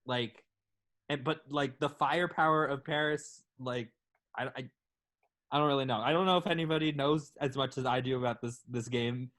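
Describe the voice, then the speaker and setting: A man's voice: medium pitch, fairly even intonation, normal speed, a bit bright. A man co-hosting a casual sports podcast, rambling and hedging with lots of fillers. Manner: rambling, hesitant, many fillers. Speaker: podcast co-host.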